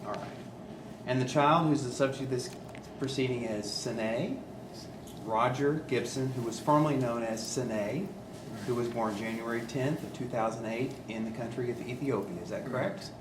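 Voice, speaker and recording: A male attorney asking witnesses measured, formal yes-or-no questions in a courtroom recording. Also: medium pitch. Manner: measured, procedural, asks leading yes-or-no questions. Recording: echoey courtroom with background noise.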